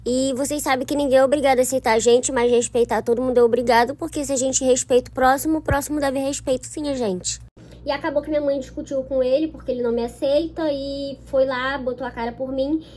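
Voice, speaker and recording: A woman's voice: high voice, fairly even intonation, quick pace, a little mellow. A young woman with a Brazilian Portuguese accent, telling a personal story to her viewers in a chatty vlog, often checking in with them. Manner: chatty, keeps checking in with listeners. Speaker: vlogger.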